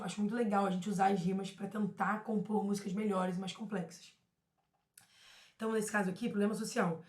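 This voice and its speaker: A woman teaching a lesson on poetic meter, often repeating words and restarting, and reading verses aloud slowly. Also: medium pitch. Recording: echoey room.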